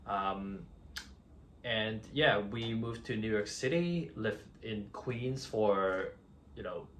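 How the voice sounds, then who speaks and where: A man's voice: fairly low pitch, takes it slowly, a bit bright, a little hiss or hum. A man in his thirties from Hong Kong, introducing himself to camera in a casual, hesitant way with many fillers and restarts. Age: 30s. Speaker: vlogger.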